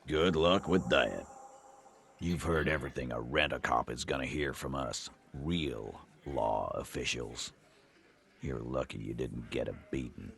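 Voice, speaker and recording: A man's voice: rumbling low, unhurried, gravelly, a bit bright, exaggerated voice. An actor playing a hostile, threatening male dockworker union boss in a video game. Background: game music.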